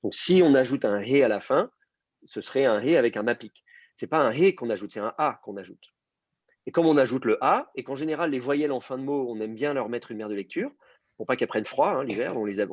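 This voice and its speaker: A man's voice: mid-range voice, lively intonation, a little fast, darkish tone, no room sound. Man teaching a class, dull call audio. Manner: explanatory, with many fillers and restarts. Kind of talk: online class on biblical Hebrew.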